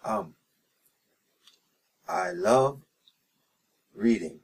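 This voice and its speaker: With a lowish, breathy-edged voice, a man talks extremely slowly yet animatedly in a studio interview. Originally from New Jersey and raised in North Carolina, the reggae singer-songwriter has a slight Jamaican-sounding lilt, enunciates carefully, restarts frequently and keeps saying "you know."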